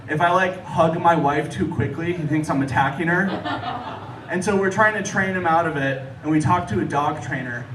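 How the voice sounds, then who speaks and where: A man performs stand-up in a casual, storytelling way, dropping in hesitant asides. His voice sits a little high for a man. He is picked up from some distance in a live room, with clear noise and audience laughter behind him. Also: roomy sound. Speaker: stand-up comedian. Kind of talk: stand-up comedy set to an audience.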